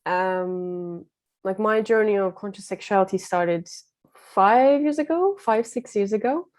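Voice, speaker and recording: Woman from Turkey, guest coach, reflective and earnest, warm mellow tone. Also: mid-range voice, a little slow. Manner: reflective, earnest, many fillers. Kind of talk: casual conversation.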